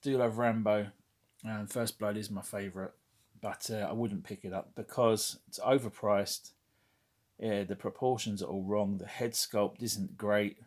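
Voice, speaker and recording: A man's voice: lowish voice, steady tone, a little slow, darkish tone. A man rambling frankly in a casual vlog, with lots of fillers and casual swearing. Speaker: toy collector vlogger.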